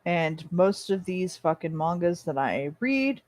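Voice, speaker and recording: Casual vlogger, unhurried and opinionated, blunt with some cursing, talks while chewing; dry, close recording. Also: medium pitch, very animated, darkish tone, no echo. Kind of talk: casual rambling chat.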